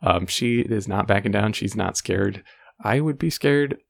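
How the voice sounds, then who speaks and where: Male podcast co-host, low gravelly voice, relaxed episode-recap chat. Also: unhurried. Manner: relaxed, recaps plot with fillers.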